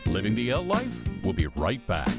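An actor playing a portentous, grandiose male TV announcer in a cartoon, over loud music. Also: fairly low pitch, wildly swooping pitch, moderate pace. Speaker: show announcer. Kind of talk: trailer-style cartoon narration.

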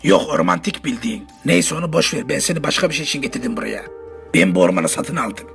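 A man's voice: mid-range voice, very animated, fast, creaky, a bit bright, soft background music, full character voice. A man voicing a sleazy, domineering, mock-romantic brute in a comedy parody dub. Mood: smug, sleazy.

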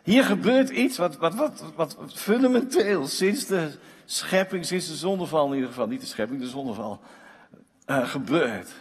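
A man preaching a sermon as pastor, telling stories in a lively way and often repeating words as he goes. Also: on the high side, normal speed, breathy edge. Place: church hall. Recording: long church hall reverb.

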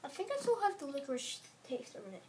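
A woman chatting playfully with viewers during a taste challenge vlog, loud and joking. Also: high voice, sing-song, quick pace. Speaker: vlogger. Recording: noisy home video recording.

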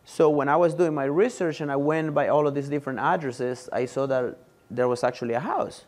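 A man's voice: fairly high pitch, a little fast, a little mellow. A man in his thirties from Honduras, giving a matter-of-fact presentation in a meeting room with a lapel mic. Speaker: student giving a testimonial. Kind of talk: presentation talk.

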